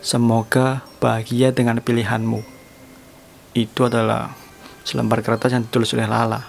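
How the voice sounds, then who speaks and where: A man's voice: mid-range voice, level tone, normal speed, creaky, slight background noise, lightly acted. Man doing a solemn middle-aged landlady. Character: middle-aged woman boarding-house landlady, calm and solemn. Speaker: landlady telling a sad story.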